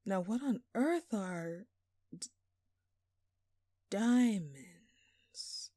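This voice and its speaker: With a mellow, medium-pitched voice, a woman acts out the part of a smug, obnoxiously flirtatious thief for an audio roleplay, speaking to the listener. She drawls and teases in a sultry, faux-innocent manner, and the studio sound is clean and echo-free.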